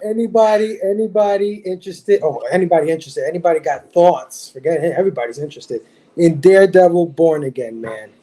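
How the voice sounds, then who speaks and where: A man's voice: fairly high pitch, fast, mellow. A man hosting a casual pop culture chat on a live stream, laughing often and hyping up his co-hosts. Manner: laughs often, hypes up the panel. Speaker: podcast host. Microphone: video call.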